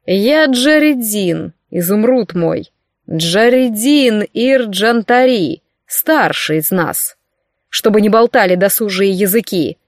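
A woman reading an audiobook, voicing an arrogant, cruel young male court sorcerer with slow, mockingly tender speech. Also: medium pitch, lively intonation, no room sound, studio quality.

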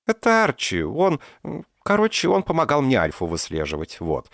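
A man's voice: mid-range voice, huge pitch swings, normal speed, gravelly, fairly bright tone, no echo, clean studio sound, pitched above the performer's own voice, full character voice. A man voicing a brash, grumbling young woman hunter who haggles mockingly, in an audiobook. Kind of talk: audiobook character voice.

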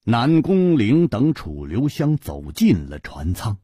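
A man's voice: mid-range voice, huge pitch swings, slow, mellow, husky, no echo, studio quality. A man narrating a martial arts tale in a vivid, dramatic traditional storytelling style. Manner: vivid, dramatic, acting out scenes.

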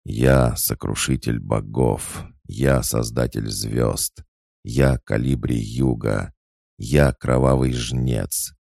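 A man voicing a growling, menacing ancient male god of death who speaks slowly and commandingly. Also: very deep voice, steady tone, a little mellow, dry recording, studio quality, exaggerated voice. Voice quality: growling, rasping laugh.

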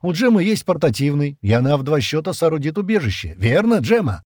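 A man's voice: on the high side, very animated, fairly quick, darkish tone, no room sound, studio quality, voice pushed up. A man voicing a grumpy, tough male pilot who speaks curtly and firmly. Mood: wry. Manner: curt, firm, commanding.

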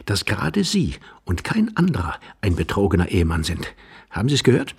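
Brief: man reading an impatient, mocking young man, hushed and husky, gravelly edge. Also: lowish voice, huge pitch swings, brisk, heavily acted. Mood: agitated, mocking. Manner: impatient, sneering and urgent, often hushed. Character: agitated, mocking young man hiding under a bed.

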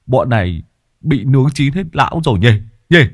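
A man's voice: mid-range voice, expressive, a little slow, dry recording, studio quality, pitched above the performer's own voice. A man voicing a lazy young man who grumbles mockingly.

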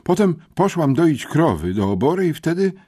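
A man reading an audiobook, voicing a young village girl who eagerly explains what she heard, in a raised, lively voice. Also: slightly rough, no room sound, studio quality. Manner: high, breathless and quick to explain.

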